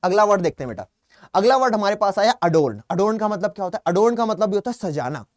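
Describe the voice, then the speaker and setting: A man's voice: high voice, big pitch swings, quick pace, no echo, studio quality. A young man with a Hindi accent teaching an online English vocabulary class, chatty, calling students "beta" and asking and then answering his own questions. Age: young adult. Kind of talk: online exam-prep class.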